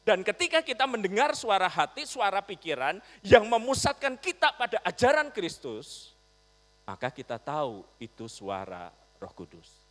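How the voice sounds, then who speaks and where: A male pastor preaching a storytelling sermon, animated, swinging from loud to soft. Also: high voice. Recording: long reverb, mains hum.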